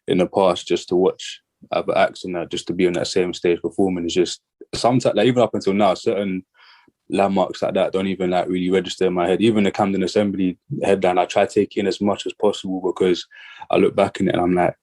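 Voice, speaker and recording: A man talks about his music in a loose, rambling way, full of "like" and restarts. His voice is very low and mellow, with little rise and fall. He sounds a bit out of breath. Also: quick pace. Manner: relaxed, rambling, lots of "like" fillers. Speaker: guest artist and musician. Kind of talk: casual interview chat.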